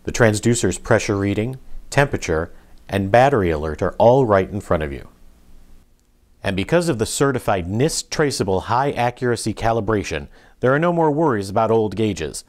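A man with a low, steady voice reads a promotional product script. His delivery is smooth and even, recorded as a studio voice-over. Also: normal speed. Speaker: product narrator.

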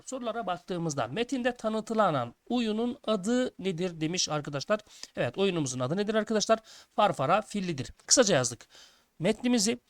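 A man teaching a schoolbook lesson for children, reading each task aloud and then explaining it to his young listeners. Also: high-pitched. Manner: addresses listeners as friends, reads tasks aloud then explains.

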